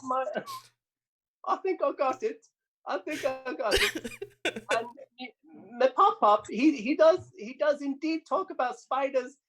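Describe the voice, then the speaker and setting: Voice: high voice, lively intonation, a little slow, a bit bright, voice pushed up, full character voice, rough recording. A performer playing a cheeky, self-important young girl cartoon pig at a mock press conference, bluffing and rambling through the answers with lots of ums and restarts. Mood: giddy.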